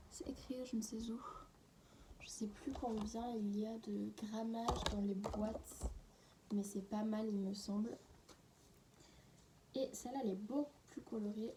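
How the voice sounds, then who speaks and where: A woman's voice: fairly high pitch, noisy background. A woman in a casual, unedited beauty haul, chatting away and often dropping into a half-whisper. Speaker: beauty vlogger.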